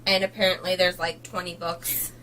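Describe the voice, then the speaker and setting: A woman's voice: fairly low pitch, level tone, normal speed, background noise. A woman co-hosting a casual home video, chatty and giggly, often laughing between thoughts. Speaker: co-host of a book channel. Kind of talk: casual chat.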